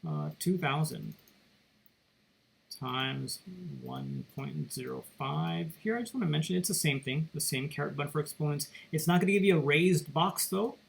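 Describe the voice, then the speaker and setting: Sitting at his computer, a man records a calculator tutorial lecture, casually thinking aloud as he guides students through math steps. His fairly high voice has lively intonation and vocal fry, at a moderate pace. The computer mic recording is low quality.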